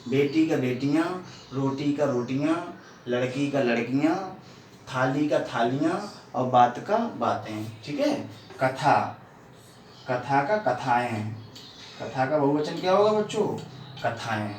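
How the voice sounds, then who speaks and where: Male teacher, kids' lesson, very slow deliberate delivery, faint hiss in the background. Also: medium pitch, lively intonation. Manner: slow, deliberate, repeats definitions. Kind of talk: classroom lesson for young children. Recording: echoey room, distant mic, faint hiss.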